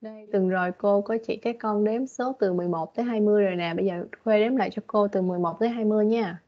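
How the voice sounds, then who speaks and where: A woman teaching English to a young child online, patient and coaxing as she explains things slowly. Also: medium pitch. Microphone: video call. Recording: dull lo-fi video call audio.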